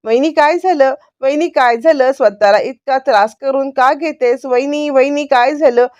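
A woman reads out the lines of a spiteful, scheming man who jeers loudly at his relatives and then feigns innocence. Her voice sits fairly high. The sound is dry and a little dull. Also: normal speed, no room sound, close to an everyday voice. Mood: taunting. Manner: loud, mocking, falsely innocent.

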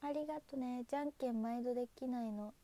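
A fast-talking young woman with a fairly high pitch and dark tone chats casually on her idol livestream. She thanks viewers by name, waves goodbye, and signs off with goodnight.

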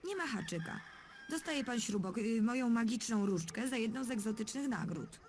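A young woman voicing a calm, matter-of-fact heroine in a dubbed adventure game. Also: on the high side, moderate pace. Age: young adult. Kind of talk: game dub voice acting.

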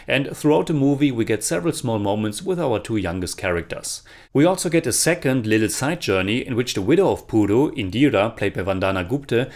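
Young man reviewing films. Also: medium pitch. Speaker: film reviewer. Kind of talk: scripted video review. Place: small indoor room with shelves of film posters. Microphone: camera framed chest-up, mic not seen.

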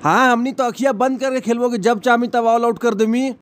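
Rambling and joking in dialect on a close mic with no room sound, a comedy dubber voices cricket press-conference clips. His voice is very high-pitched and steady in tone, and he talks a little fast.

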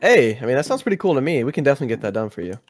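A man's voice: medium pitch, big pitch swings, very fast, soft background music. A man in a comedic skit, talking in an easygoing, teasing way.

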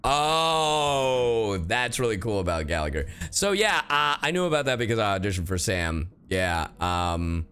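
Here the streamer, also a voice actor, sounds fairly low, clear and resonant, with a fairly bright, animated delivery that's unhurried and rarely pauses. Reacting casually to his chat, he uses slang, stresses his words, and repeats things for emphasis.

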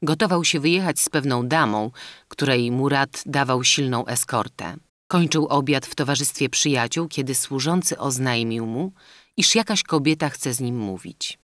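A man narrates a classic novel at a measured, literary pace. His voice sits at an ordinary middle pitch. The recording is dry and close, with no room sound. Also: fairly bright tone, dry recording. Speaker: audiobook narrator. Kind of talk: scripted narration.

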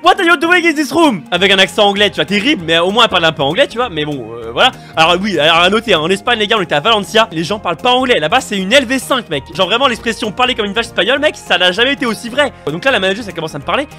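A young man telling a story on his vlog, animated and slangy, acting out the people in it. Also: high-pitched, very fast, hardly any pauses, faint music behind. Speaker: vlogger.

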